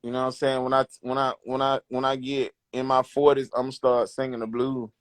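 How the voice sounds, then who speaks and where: A man's voice: mid-range voice, monotone, brisk, no room sound. Laid-back man with an Alabama accent. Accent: Alabama Southern. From Alabama, United States. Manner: laid-back, slangy, short answers. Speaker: DJ and rapper, interview guest. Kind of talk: casual interview chat. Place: small wood-panelled room indoors. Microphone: phone at close range, video call.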